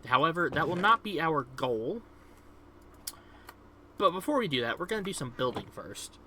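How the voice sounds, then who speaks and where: A young man chats casually over his gameplay, rambling and upbeat with plenty of fillers. His voice is bright and lively, swinging up and down in pitch. A faint hiss of ambient noise sits underneath. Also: normal speed. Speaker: gaming video host.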